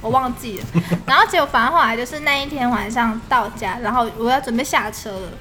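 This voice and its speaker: Bright, quick-talking young woman. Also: on the high side, a little hiss or hum. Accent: Taiwanese Mandarin. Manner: chatty storytelling, laughing often. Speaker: podcast co-host. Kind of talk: casual chat.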